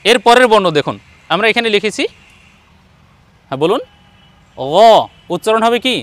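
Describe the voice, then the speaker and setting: A man's voice: sits high, expressive, brisk, fairly bright tone, no room sound. A man with a Bangladeshi Bengali accent, teaching Quran letter pronunciation online and patiently repeating each sound for his students.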